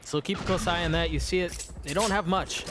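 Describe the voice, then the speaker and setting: High-pitched male esports caster, often shouting. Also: a little fast, background noise. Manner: esports caster delivery, building to excited shouts. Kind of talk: live esports commentary. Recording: loud music and game gunfire behind.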